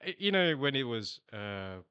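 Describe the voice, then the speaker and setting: A man's voice: mid-range voice, sing-song, normal speed, pushed and bright, clear, resonant tone, dry recording, lo-fi sound. A man from Malaysia, a startup founder, chatting casually as an interview guest, laughing often and tagging "you know".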